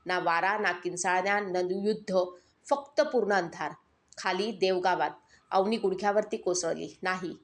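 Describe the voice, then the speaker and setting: A woman telling a mythic horror story in measured, dramatic scripted narration. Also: mid-range voice.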